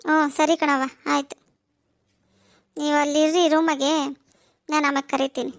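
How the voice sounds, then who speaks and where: A motherly cartoon aunt, voiced by a woman fusses over her young guests in a very high, piping voice. She sounds dry and close to the mic. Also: little pitch movement, normal speed, creaky, no echo. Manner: fussing, hospitable. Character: chatty village aunt, motherly and fussy. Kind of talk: cartoon voice acting.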